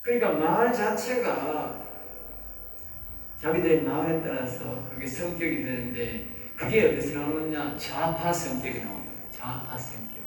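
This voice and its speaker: Lecturing seminary students in a church lecture room, this Gyeongsang-accented pastor speaks a little slowly in a mid-range voice, emphatic and repetitive with key phrases, often confirming his listeners are keeping up. The recording picks up a very echoey room from a distant mic, plus faint background noise.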